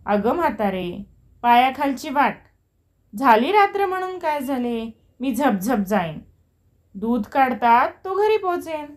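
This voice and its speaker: A woman voicing a proud, fearless village man in a storybook reading, speaking up high. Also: sing-song, slow, heavily acted. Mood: brash. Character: bold, proud man, later begging robbers.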